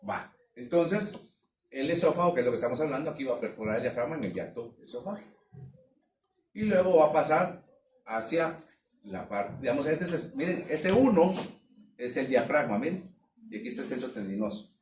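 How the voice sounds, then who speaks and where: A man teaching a veterinary anatomy class, pausing often to check that students follow. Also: mid-range voice, animated, darkish tone. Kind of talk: classroom lecture. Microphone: distant room mic. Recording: echoey room from far off, some noise.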